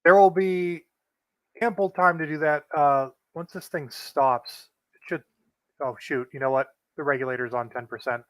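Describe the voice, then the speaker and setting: Man explaining in a monotone. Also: fairly high pitch, moderate pace, no room sound. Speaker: guest co-player. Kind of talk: casual gameplay explanation.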